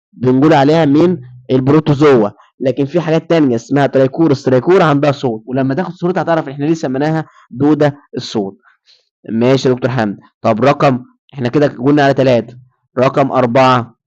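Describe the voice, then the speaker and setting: Quick-talking Egyptian lecturer, dull sound. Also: male voice, a little high, a little mellow. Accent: Egyptian Arabic. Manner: asks students questions and answers them himself. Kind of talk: recorded lecture.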